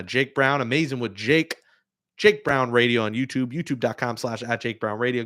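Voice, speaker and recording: A man hosting a live postgame reaction show, talking through the game with excitable, joking fan commentary. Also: medium pitch. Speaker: sports talk host.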